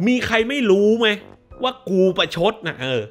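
Man, movie review host, crude, sarcastic, very lively intonation, casual rant. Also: sits high, normal speed, soft background music. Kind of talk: casual ranting film review.

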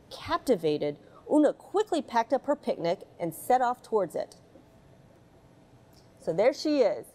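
Reading a storybook aloud to children from a space station module, a middle-aged American astronaut adds chatty asides between pages. She speaks in a high-pitched voice with a dark tone.

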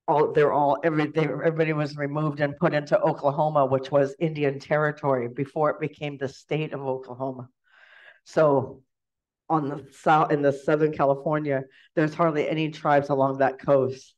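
A woman giving an informal storytelling talk as guest speaker, chatty and quick to laugh, recorded in a lecture room. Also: low-pitched, little pitch movement, darkish tone. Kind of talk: casual storytelling presentation. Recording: dull lo-fi recording.

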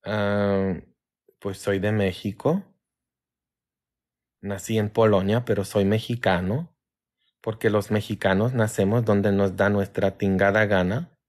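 A man from Poland with a Polish accent, a priest chatting casually with viewers on a livestream in a tired, low-key way. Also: flat delivery, takes it slowly, pauses often, darkish tone.

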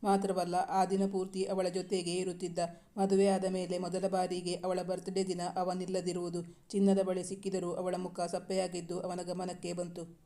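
A woman storyteller reading a romance novel aloud in a steady, unhurried way. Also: lowish voice.

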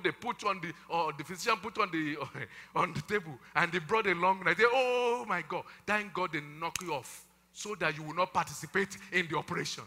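A man preaching with a high, piercingly bright voice that rings through a church hall's long reverb. He swings between loud calls and hushed asides. He speaks non-native English with a West African flavor. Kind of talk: sermon. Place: church hall.

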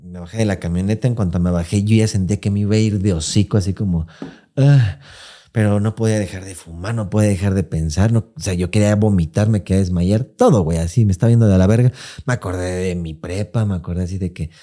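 Low-pitched and fast, this man speaks with a Mexican Spanish accent while co-hosting a podcast. He tells a personal story casually, swearing and using slang throughout. His retelling is animated, with people's words acted out.

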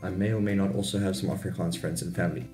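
A YouTube host in his twenties with a South African accent gives a chatty, informal explainer about languages to camera from a small home bedroom. His low voice is level and dark in tone, and he talks at a racing pace over soft background music.

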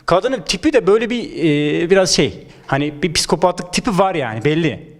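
A man's voice: on the high side, normal speed. A young man, a guest on a talk show, telling a funny personal story in a casual way and acting out the lines he quotes. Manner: animated, acts out quoted dialogue.

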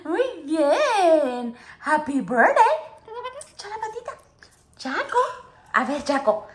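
Woman cooing at her parrots in baby talk, high voice, swoops all over the place. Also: very animated, slow. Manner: cooing, sing-song, often laughing. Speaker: pet parrot owner.

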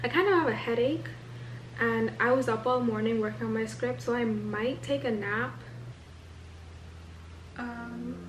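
A woman's voice: fairly high pitch, background noise. A young woman, a college student, chatting animatedly to the camera in a casual vlog from home. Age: young adult.

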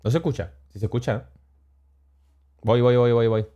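A man telling a travel story on his stream in a casual, animated, slangy way, chuckling as he goes. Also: mid-range voice, normal speed, highs cut off.

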